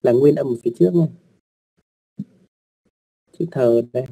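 A man's voice: medium pitch, normal speed, creaky, dark tone. A man teaching an online lesson on writing rules, speaking patiently with polite particles, frequent fillers and repeated words.

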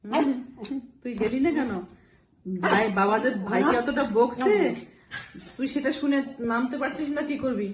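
A woman with a high voice talks to her dogs at home in coaxing, sing-song baby talk. She repeats little phrases again and again as she calls and settles them. The room is echoey and noisy in the background. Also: normal speed, long pauses. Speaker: pet owner. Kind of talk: cooing talk to pet dogs.

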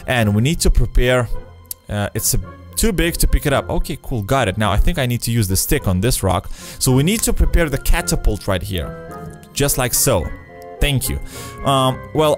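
A man in his twenties doing casual let's play commentary on a video game, speaking close to a desk microphone in a small room. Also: mid-range voice. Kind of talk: casual gameplay commentary, reading game dialogue aloud. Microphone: close desk microphone with headset. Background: game music.

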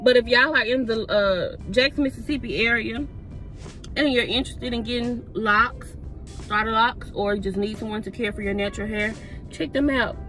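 A woman's voice: fairly high pitch, normal speed, low-quality recording. A young adult woman with a Southern American accent chats casually and animatedly to her viewers, recorded on a phone inside a car. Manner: chatty, animated, addresses viewers directly. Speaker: vlogger. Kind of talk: casual vlog chat. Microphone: phone at arm's length. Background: music.

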